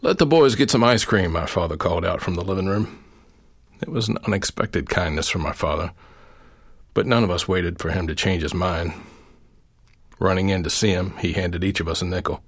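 A middle-aged man reading his own memoir essay aloud, in a quiet, measured storytelling manner. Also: low voice, steady tone, husky.

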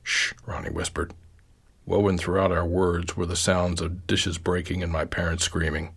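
Gravelly low-voiced man reading a memoir. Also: little pitch movement. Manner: quiet, measured storytelling, lifting his voice for quoted children. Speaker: essay author reading his own piece.

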